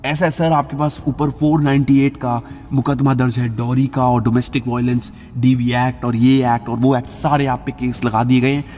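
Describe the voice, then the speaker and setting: A man voicing a smooth-talking male lawyer who politely makes veiled threats over the phone. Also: medium pitch, level tone, normal speed, hardly any pauses, darkish tone, lightly acted. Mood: threatening. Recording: reverberant voice-over with background music.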